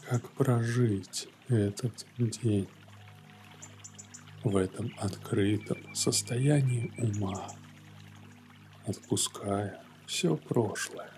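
A man narrating a guided morning meditation in a gentle, soothing yoga-teacher manner, leaving long pauses between phrases. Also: mid-range voice. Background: soft music.

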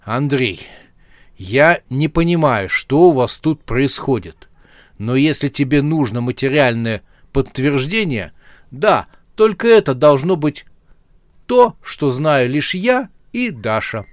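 A man voicing a feisty, sharp-tongued young woman who scolds in indignant outbursts, in a storybook reading. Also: medium pitch, sing-song, slow, dry recording, clean studio sound. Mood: hurt, earnest.

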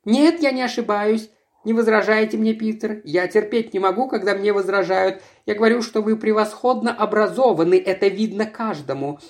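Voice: medium pitch, moderate pace, voice pushed up, natural voice. A reader putting on a haughty young miss, raised and bossy. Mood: scolding. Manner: imperious, scolding. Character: haughty young woman, employer's niece, bossy and touchy.

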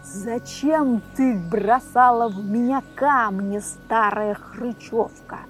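Woman doing a furious old sea king of a fairy tale, drawn-out menacing speech, slightly high voice. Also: faint music behind. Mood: wrathful. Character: wrathful old male sea king, roaring.

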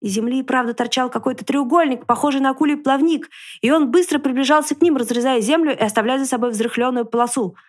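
A woman reading a children's story aloud on a podcast, with lively, expressive storytelling. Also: sits high, fast talker. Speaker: reader on a podcast.

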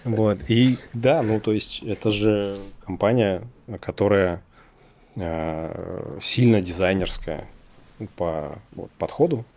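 A man with a low voice and a noticeable difficulty pronouncing the letter r. He speaks as an interview guest in a casual register, hesitating and drawing out pauses while he thinks through his answers. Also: a little mellow. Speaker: interview guest, design company executive.

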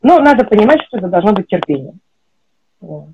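A woman's voice: mid-range voice, sing-song, brisk, a little mellow, lo-fi sound. A woman nutrition specialist on a livestream, talking with many fillers through a headset mic that adds a crackling fuzz distortion. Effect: crackling fuzz distortion on her mic. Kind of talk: casual livestream chat. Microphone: headset with headphones.

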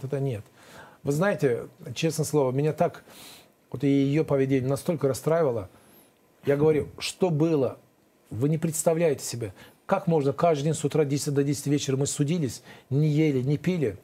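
A man's voice: medium pitch, dark tone. A man, a former defense lawyer, answering interview questions in an emphatic, rambling, aggrieved way with many restarts.

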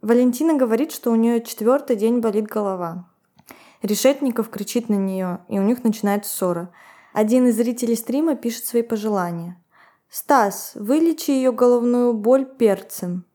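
Slightly high in pitch yet dark in tone, a woman speaks a little fast as she co-hosts a podcast. She tells stories about events and laughs as she comments on them.

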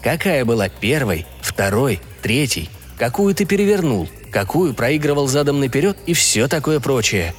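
Brief: male narrator as a slick, coaxing filmmaker; long reverb, soft music bed. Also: mid-range voice, sing-song, moderate pace, few pauses, breathy edge. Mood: persuasive. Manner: coaxing, theatrical, commanding. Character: smooth-talking scheming young male filmmaker.

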